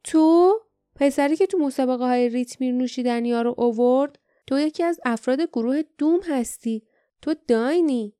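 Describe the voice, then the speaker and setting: A woman reading the part of a fiery young woman in an audiobook, her voice raised high and pressing. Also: animated, warm tone, no room sound, clean studio sound, natural voice. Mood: sharp, pressing.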